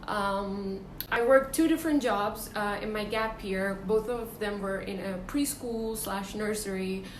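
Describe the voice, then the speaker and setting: A woman's voice: mid-range voice, measured pace. A woman hosting a casual interview, asking guests chatty questions. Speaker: host. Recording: echoey room with faint noise.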